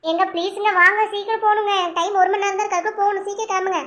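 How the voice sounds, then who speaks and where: A woman doing a worried young wife, begging, super high and quick. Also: steady tone, a bit bright. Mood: pleading. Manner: pleading, anxious. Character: anxious pleading young wife and student. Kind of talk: cartoon voice acting.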